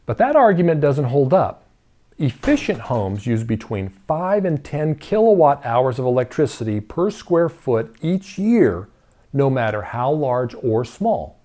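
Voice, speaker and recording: A man's voice: mid-range voice, very animated, measured pace, dark tone. A man giving scripted opinion narration in a sarcastic tone, with pointed rhetorical questions. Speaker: commentary narrator.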